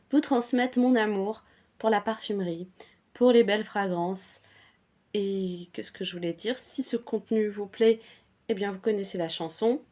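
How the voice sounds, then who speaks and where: A woman's voice: medium pitch, a little mellow. A woman vlogging about perfumes in a casual, chatty way, with many fillers and restarts. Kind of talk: casual chat.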